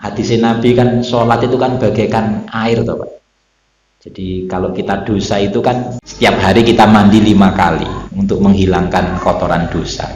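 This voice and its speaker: A man's voice: fairly low pitch, level tone, moderate pace, darkish tone, a little hiss or hum. Javanese-accented man preaching in an echoey mosque. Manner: storytelling, shifts between Indonesian and Javanese, acts out characters' pleas. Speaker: Quranic exegesis teacher. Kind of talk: mosque sermon. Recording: echoey mosque with faint ambience.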